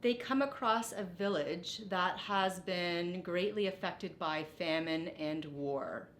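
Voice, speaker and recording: In the manner of a teacher, a middle-aged woman reads from a storybook with deliberate, expressive delivery and adds short explanations along the way. Faint rumbling noise and a roomy echo are audible.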